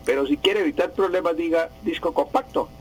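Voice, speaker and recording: A man's voice: fairly high pitch, a little fast, a little mellow, a little hiss or hum, poor audio. A man answering listener language questions on radio, patient and teacherly, repeating his points. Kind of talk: radio language advice segment.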